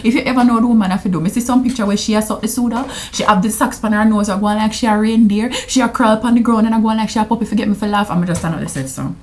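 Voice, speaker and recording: Rapid-fire and barely pausing, this vlogger, a woman in her thirties with a Jamaican accent, talks to camera in a playful anniversary video, drifting into patois. Her voice is mid-range with a darkish tone.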